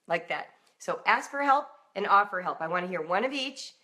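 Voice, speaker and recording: Speaking at normal speed, this woman has an animated, mid-range voice that's pushed and bright. She's a middle-aged American parenting and homeschool coach on a live broadcast, coaching parents informally, directly and emphatically, as though in conversation with them.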